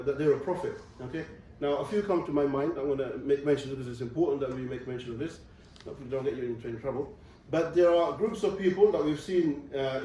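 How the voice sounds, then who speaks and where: Recorded on a distant mic in a very echoey university lecture room, with a little hiss or hum, a young man gives a religious lecture as a visiting Islamic speaker. His voice is high and warm, and he moves step by step, frequently pausing to ask "okay."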